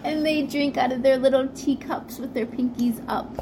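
A woman's voice: high voice, steady tone, moderate pace, noisy background. A woman co-hosting a casual podcast chat, teasing her co-host and laughing often.

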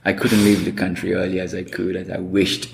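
A Brazilian Portuguese-accented man, an animated storyteller, acts out quoted dialogue as a guest in a storytelling interview. His low, gravelly voice moves fairly quickly. The room is echoey, with slight background noise.

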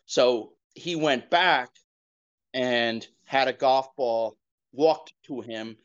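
A man's voice: mid-range voice, very slow, dry recording. A man in a casual podcast chat rambles through a retold story, stopping to correct himself along the way. His voice is bone-dry and dull in tone, as if from a cheap mic in a dead room. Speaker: podcast co-host.

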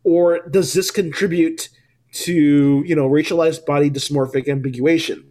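A man's voice: on the high side, steady tone, moderate pace, mellow. A man hosting a casual panel discussion, enthusiastic and thinking aloud, often tagging his points with questions. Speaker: podcast host.

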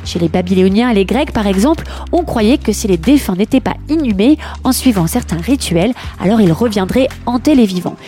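A woman's voice: mid-range voice, expressive, fairly quick, few pauses, mellow, faint music behind. A woman presenter delivering scripted explanatory narration.

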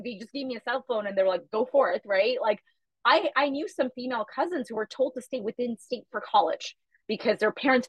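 Guesting on a casual podcast, this media company founder, a native Chhattisgarhi speaker, talks quickly, animatedly, and emphatically about her business and how she grew up. She has a fairly high, slightly rough voice. The audio is dry and muffled.

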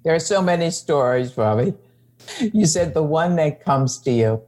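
A woman with a New York accent, a psychologist guest telling a story in a relaxed way. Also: low voice, moderate pace, faint music behind. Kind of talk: interview conversation.

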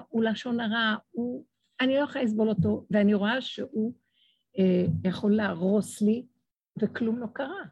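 A middle-aged woman preaches with feeling, her fairly high voice full of vocal fry and slightly husky. She swings her pitch as she acts out little dialogues for her listeners. The sound is close and dry. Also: dry recording. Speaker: religious speaker. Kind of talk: emotional religious talk to an audience.

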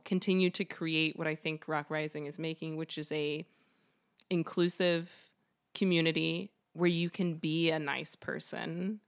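A woman guest chatting casually on a podcast interview about her comedy writing and improv, talking loosely with many fillers and laughing easily. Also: low-pitched.

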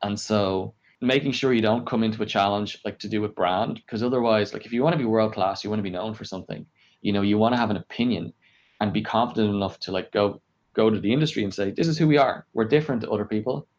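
A fast-talking man with a fairly low pitch gives conversational interview answers about his work experience as an engineering leader. He explains emphatically, filling his talk with "like" and rhetorical questions he asks himself. The recording sounds muffled.

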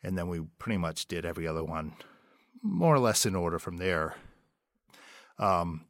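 Speaking at a normal speed in a low, expressive voice, this interview guest rambles and hesitates while discussing how he produced an audio drama. The audio is studio quality with no room sound.

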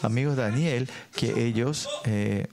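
A man delivers a sermon at a church service, pausing over scripture readings and tossing in frequent tag questions and fillers. His voice sits at an ordinary middle pitch. The congregation can be heard clearly around him. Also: a crowd in the background. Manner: reads scripture slowly and deliberately. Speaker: preacher.

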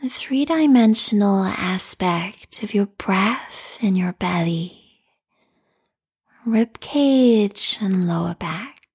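Calm, meditative woman, very slow and breathy. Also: mid-range voice. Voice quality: soft, breathy, whispery. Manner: calm, meditative, soothing delivery. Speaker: guided meditation host. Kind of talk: guided meditation.

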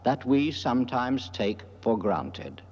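An actor playing a kindly, polite older priest with a genteel manner in a television puppet drama. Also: male voice, medium pitch, very animated, slow pace. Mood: earnest. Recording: dull lo-fi soundtrack, faint music.

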